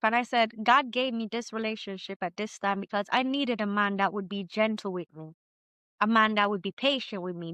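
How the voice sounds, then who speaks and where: Bright-voiced Jamaican woman in her thirties. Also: fairly high pitch, no echo. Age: 30s. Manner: lively, chatty, quotes herself often. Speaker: guest entrepreneur. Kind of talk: candid storytelling interview.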